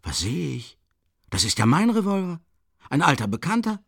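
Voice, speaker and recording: A man voicing a cynical, mocking gentleman villain with smooth irony in an audiobook reading. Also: on the high side, very animated, moderate pace, no echo, clean studio sound, pitched above the performer's own voice, exaggerated voice.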